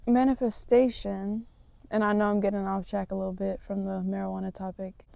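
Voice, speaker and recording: A woman's voice: mid-range voice, monotone, quick pace, vocal fry, a little mellow, no echo. A woman talking to camera in a casual vlog, reflective and motivational, rambling a little with fillers. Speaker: vlogger.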